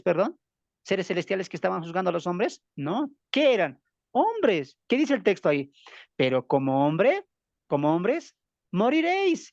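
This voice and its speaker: A man's voice: high voice, dry recording, lo-fi sound. Emphatic Bolivian man teaching Bible study. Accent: Bolivian Spanish. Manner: emphatic, keeps asking rhetorical questions and answering them.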